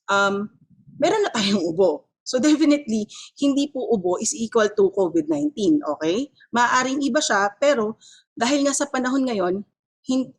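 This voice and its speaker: A woman's voice: a little high, breathy edge. A woman with a Filipino accent giving an explanatory health talk, mixing Filipino and English and often checking in with her listeners. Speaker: health educator.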